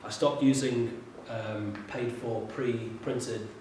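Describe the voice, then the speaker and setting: A man working with young people, giving a lively talk and telling a Bible story with animation. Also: medium pitch, slow pace, slight background noise. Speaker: youth worker speaker. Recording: roomy echo from a distant mic.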